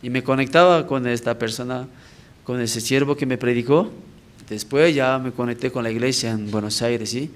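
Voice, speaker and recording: A man's voice: mid-range voice, moderate pace. A male evangelist giving a personal testimony at a church prayer service, talking conversationally and often checking in with the congregation with short tag questions.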